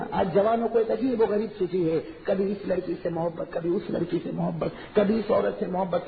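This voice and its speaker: A man preaching a sermon to a gathering, telling a story with shifting voices, sometimes shouting and sometimes slowly chanting scripture. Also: sits high. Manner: animated, rising to shouts and slowing to recite Arabic. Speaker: Islamic preacher. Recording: tinny lo-fi, echoey hall with crowd.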